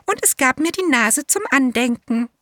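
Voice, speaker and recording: A squeaky eager elephant calf. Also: female voice, expressive, moderate pace, fairly bright tone, no room sound, clean studio sound. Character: young curious polite elephant calf.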